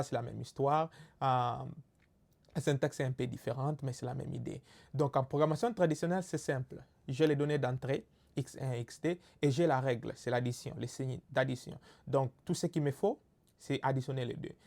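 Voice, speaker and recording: In a recorded lesson, a Congolese French-accented man with a medium-pitched, creaky, darkish voice teaches patiently one step at a time. Frequent filler pauses punctuate his delivery, and he keeps making sure his audience is following along.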